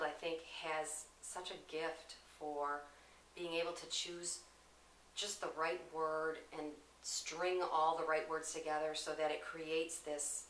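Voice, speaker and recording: A woman, a student's aunt, talking earnestly and thoughtfully about a poem she loves, slow and deliberate. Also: sits low, gravelly, fairly bright tone. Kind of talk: poetry reading then casual reflection. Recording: distant mic in an echoey room with hiss.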